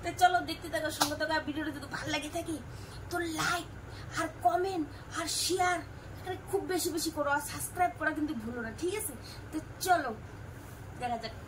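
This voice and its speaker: High-voiced woman vlogger, distant noisy mic. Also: quick pace. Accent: Rajbanshi Bengali of North Bengal. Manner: talkative, animated retelling of family talk. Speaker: family vlogger. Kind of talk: chatty storytelling to viewers. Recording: distant mic with loud room noise.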